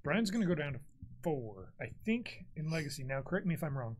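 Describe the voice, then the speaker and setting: A man's voice: on the high side, sing-song, brisk, slight background noise. Chatty male card game commentator. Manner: chatty, reads chat aloud, laughs often. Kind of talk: casual live-stream commentary.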